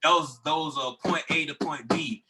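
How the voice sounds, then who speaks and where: A man's voice: a little high, measured pace, background noise. A man, a recording artist guest, talking casually in a podcast interview, loose and rambling with many fillers and restarts.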